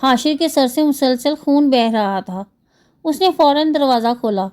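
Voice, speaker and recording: A woman's voice: sits high, a little mellow. A woman reading a romance novel aloud, storytelling steadily with small restarts. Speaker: novel narrator.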